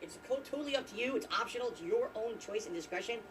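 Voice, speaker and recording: A man's voice: very high-pitched, animated, quick pace, a bit bright, distant mic, a little hiss or hum, poor audio. A man streaming live, talking defensively. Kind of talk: livestream talk.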